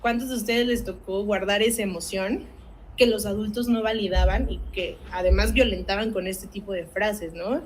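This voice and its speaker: A woman's voice: medium pitch, steady tone, normal speed, a little hiss or hum, low-quality recording. Earnest woman teaching parents. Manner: earnest, asks the audience rhetorical questions, tags with "¿no?". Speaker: academic coordinator leading a parenting workshop. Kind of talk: parenting workshop talk.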